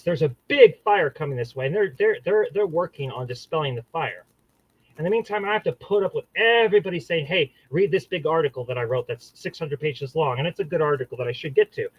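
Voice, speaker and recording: A man's voice: a little high, fairly bright tone, husky, no echo, dull audio. A man hosting his own channel, giving a combative, profane solo monologue that rambles and restarts mid-sentence. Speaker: channel host.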